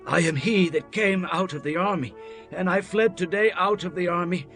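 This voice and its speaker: Male actor as agitated ancient warrior, high pitch, declamatory scripture drama, music behind. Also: normal speed. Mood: grave, urgent. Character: agitated ancient soldier, loud and urgent.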